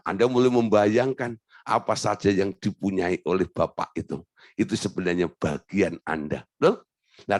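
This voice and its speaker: A man preaching a lively sermon as pastor, acting out whiny beggar prayers with humor. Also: mid-range voice, no echo, studio quality. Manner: animated, acts out whining prayers in a mocking voice.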